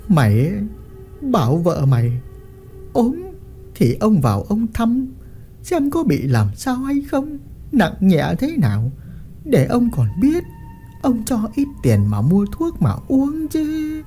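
A reader voicing a lecherous, bullying old male village official who mocks and threatens in a drawn-out way. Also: medium pitch, wildly swooping pitch, dark tone, faint music behind, voice pushed up, heavily acted. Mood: leering menace. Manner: mocking, leering, drawn-out menace.

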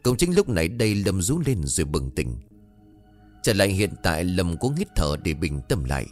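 A man's voice: low voice, big pitch swings, normal speed. A man narrating a ghost story and voicing its characters in the dialogue. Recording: faint music behind.

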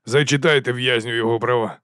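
A man's voice: medium pitch, steady tone, fast, a bit bright, dry recording, studio quality, close to an everyday voice. A man voicing a stern, weary male watch captain who speaks curtly and firmly.

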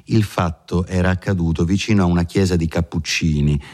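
A man reading a classic novel aloud in a measured, expressive way. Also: low-pitched. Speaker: audiobook reader. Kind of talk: scripted literary reading.

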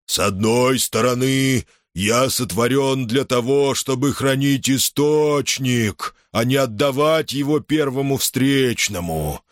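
A man voicing a huge, slow-witted, plaintive pancake-shaped monster that speaks in a slow, howling, drawn-out bleat. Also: medium pitch, no echo, studio quality, voice pushed up, natural voice.

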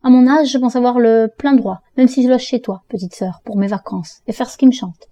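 A curt, mocking older brother speaks, read by a woman in an audiobook. The tone is dark and mellow, never bright, recorded close and dry. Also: a little high, steady tone, fairly quick, dry recording, dull audio, pitched above the performer's own voice, natural voice. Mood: defiant. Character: adult man, touchy tipsy older brother. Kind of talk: audiobook dialogue reading.

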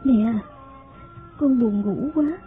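A frail, sickly young daughter played by a male narrator who speaks softly and tearfully in a very high falsetto. The sound is thin and phone-like, with faint music underneath. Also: slow. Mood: sorrowful pleading. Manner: soft, tearful, pleading. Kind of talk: audiobook character voice.

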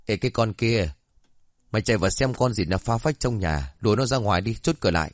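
A man's voice: on the low side, lively intonation, fast talker, no room sound, clean studio sound, lightly acted. A man voicing a harsh, foul-mouthed middle-aged village aunt who scolds and barks orders. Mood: commanding.

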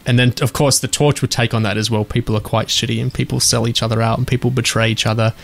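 A man in casual discussion, animated, with frequent restarts and the odd swear word. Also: mid-range voice, fast talker, creaky.

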